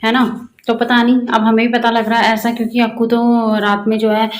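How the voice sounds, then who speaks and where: A woman's voice: fairly high pitch, little pitch movement, brisk. Chatty young pahadi woman vlogging. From Garhwal, Uttarakhand. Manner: chatty, rambling, many fillers. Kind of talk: casual vlog narration. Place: home kitchen.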